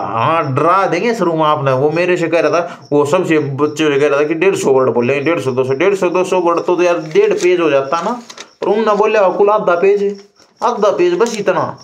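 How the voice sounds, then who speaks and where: A man's voice: on the high side, brisk, few pauses, a little hiss or hum. A young man talks casually and repetitively from a room, giving advice like a vlogger to his viewers. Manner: chatty, repetitive, conversational advice. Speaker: exam candidate vlogger. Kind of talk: casual talk to camera. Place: indoor room.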